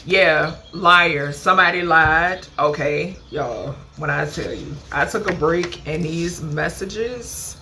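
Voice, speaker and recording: Bright-voiced woman doing a spirit reading. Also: deep voice, slow, few pauses, slight background noise. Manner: chatty, tags nearly every phrase with "okay?"; emphatic, swears casually, calls viewers "baby" and "honey". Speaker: spiritual card reader. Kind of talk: casual channeled card reading to viewers.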